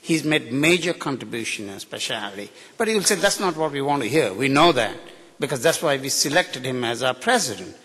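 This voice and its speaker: A middle-aged Indian man, speaking in Indian English tinged with British and American influences, gives an off-the-cuff, joking tribute at a podium mic as a guest speaker at a ceremony. His medium-pitched voice is sing-song, a little fast, fairly bright and slightly rough, and he comes across candid and outspoken. The large hall makes the recording reverberant.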